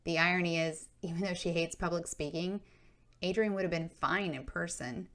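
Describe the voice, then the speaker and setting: A woman narrating her own memoir in a steady, earnest way. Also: fairly low pitch, normal speed.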